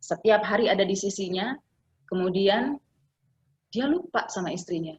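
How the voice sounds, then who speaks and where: A woman's voice: mid-range voice, expressive, normal speed, darkish tone. A woman in her forties telling a personal family story in an interview, often acting out the voices of the people she quotes. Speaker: guest sharing caregiving experience. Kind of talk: conversational interview. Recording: slightly dull, lo-fi call audio.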